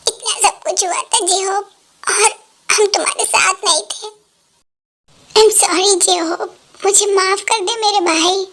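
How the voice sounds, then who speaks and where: Apologetic, self-blaming young man, a woman's fan dub, pitched very high. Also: steady tone, slow, long pauses, a bit bright, heavily acted. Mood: remorseful. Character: remorseful male friend, young man.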